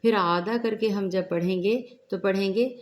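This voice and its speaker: A woman gives a Quran recitation lesson on tajweed, her medium-pitched voice keeping a fairly even intonation. She lays out every rule deliberately and slowly, interspersed with elongated recited words.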